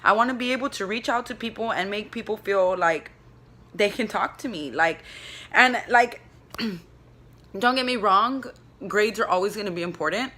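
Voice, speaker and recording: A woman's voice: mid-range voice, moderate pace, sharp tone. A young woman vlogging from her bed into her phone, chatting in a rambling, profane way full of "like". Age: young adult. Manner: rambling, profane, filler-heavy with constant "like". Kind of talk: casual confessional chat. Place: in bed at home. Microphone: phone camera.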